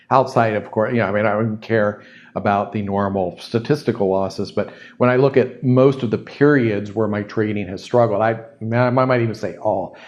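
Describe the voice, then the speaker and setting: A man with a medium-pitched, slightly mellow voice hosts a solo podcast, thoughtfully answering a listener's question and often repeating words as he reflects. He's on a studio microphone close to his mouth, though the sound is lo-fi.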